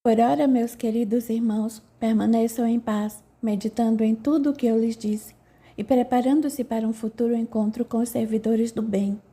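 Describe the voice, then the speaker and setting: A serene male spirit mentor preaching gently to a crowd, read by a woman narrating an audiobook. The tone is very dark and mellow, pitched a little high, with a calm, measured sermon cadence. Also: breathy edge.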